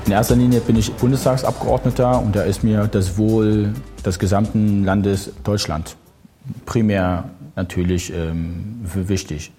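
A man from Saxony who is a member of parliament, speaking in a measured, hesitant way in a documentary interview. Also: lowish voice, fairly even intonation, warm tone, soft background music. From Saxony, Germany.

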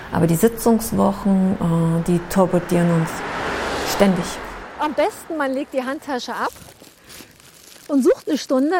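A woman's voice: on the high side, darkish tone, a little hiss or hum. A woman who is a member of parliament, talking cheerfully and joking in a documentary interview.

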